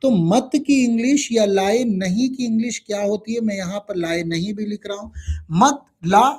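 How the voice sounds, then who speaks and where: Male online tutor, high voice with a mellow tone, spells out words slowly. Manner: spells words letter by letter, drills phrases slowly. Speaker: English teacher. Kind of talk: live online lesson.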